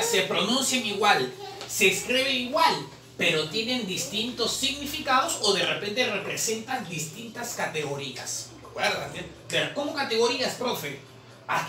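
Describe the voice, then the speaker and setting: A man's voice: high voice, pushed and bright. A man teaching language exam answers, drawing out syllables as he explains. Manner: drawn-out repetition of syllables, explanatory. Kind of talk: exam solution lesson. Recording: roomy, distant mic, faint noise.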